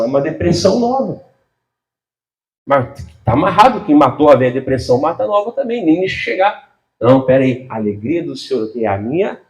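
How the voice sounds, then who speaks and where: A man preaching a sermon as a pastor, animated, swinging between loud and soft, laughing often and speaking straight to the congregation. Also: a little high.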